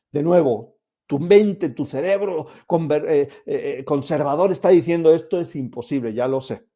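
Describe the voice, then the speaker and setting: A man's voice: fairly high pitch, dark tone. A man giving a self-help lesson to camera, explaining steps directly to the viewer in an upbeat, coaxing way. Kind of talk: instructional talk to camera.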